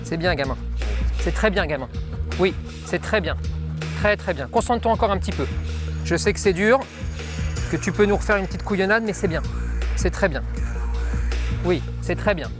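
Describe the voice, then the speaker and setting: A man's voice: sits high, lively intonation, normal speed, pauses often, over music. A man working as a dog trainer, coaxing and praising a dog and explaining his method, outdoors at a training ground.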